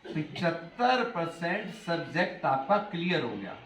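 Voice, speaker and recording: Man, middle-aged, motivational speaker, high lively voice, echoey hall, distant mic. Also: a little slow. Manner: animated, asks the class questions, mixes in English phrases. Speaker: motivational speaker addressing students. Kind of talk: classroom talk to schoolchildren.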